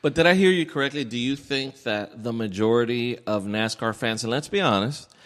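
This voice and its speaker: An American man from the Miami area co-hosts a podcast, talking casually, emphatically and with strong opinions. His voice is mid-range and a bit bright. The room is echoey with a long reverb.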